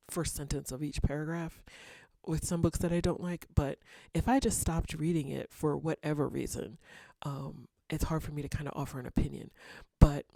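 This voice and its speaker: Woman rambling on her channel, mellow low-key voice, dry close sound. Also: creaky, dry recording. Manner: chatty, rambling, with fillers and soft laughs. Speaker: writer and vlogger. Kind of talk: casual chat to camera.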